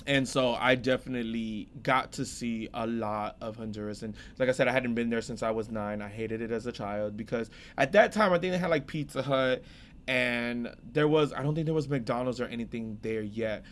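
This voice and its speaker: A man's voice: medium pitch, moderate pace, a little hiss or hum. A young American man co-hosting a podcast, telling rambling stories in casual chat. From United States. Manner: rambling, animated storyteller. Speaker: podcast co-host.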